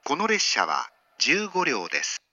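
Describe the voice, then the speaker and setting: A man giving a formal train station platform announcement in a slow, measured announcer delivery. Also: fairly high pitch, huge pitch swings, sharp tone, no room sound, highs cut off, soft background music. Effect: recorded train station platform announcement.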